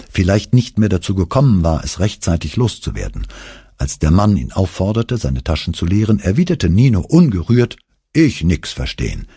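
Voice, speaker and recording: A man reads a first-person memoir aloud in a very deep, strongly husky voice. His delivery is animated and full of rise and fall, with a dark, mellow tone. The recording is dry and close. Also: no echo. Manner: expressive storytelling with voiced quotes. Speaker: audiobook narrator.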